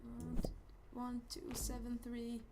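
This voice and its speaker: Over loud game music and heavy background noise, a let's play host speaks slowly and monotonously in an extremely high voice. With a Swedish accent, he voices a goofy, rambling persona, stammering hesitantly through the video game commentary and yelping in jumpy exclamations when startled.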